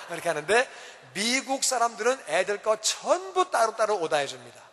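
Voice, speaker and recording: A man preaching a sermon as pastor in a church, animated and acting out scenes. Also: high voice. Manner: animated, acts out parents shouting at children. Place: church sanctuary. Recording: church hall reverb.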